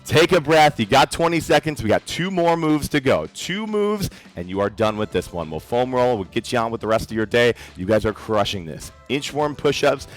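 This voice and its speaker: A man's voice: mid-range voice, very animated, normal speed, few pauses. A man leading a workout class as fitness coach, giving encouraging instructions and counting down each exercise. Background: faint background music.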